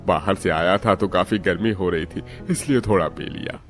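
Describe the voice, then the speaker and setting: A man voicing a kindly, humble old father-in-law in a cartoon story, speaking softly and apologetically. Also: low-pitched, normal speed, soft background music. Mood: gentle.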